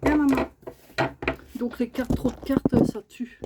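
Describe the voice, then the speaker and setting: A woman's voice: on the high side, flat delivery, a little slow, very noisy. A woman, chatting casually in a home vlog and often cooing at her pet bird in a raised sing-song voice. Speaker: vlogger.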